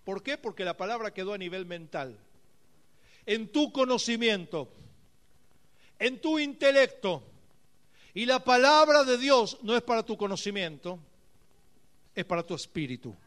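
A male pastor delivering a sermon at a live congress, swinging between hushed, quiet passages and fervent shouted exhortation. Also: high voice, lively intonation, measured pace, pauses often. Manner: impassioned preaching, dropping to hushed tones then shouting.

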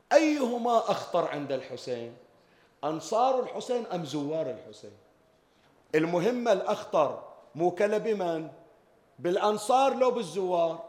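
A man preaching a Muharram mourning sermon in a mourning hall. He puts questions to the gathering and swells into loud lament. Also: sits high. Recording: echoey hall.

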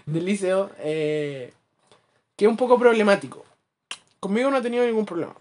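Animated Chilean man telling stories. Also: high-pitched, normal speed. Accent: Chilean Spanish. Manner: animated storyteller, acts out anecdotes, laughs at his own jokes. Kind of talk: casual chat.

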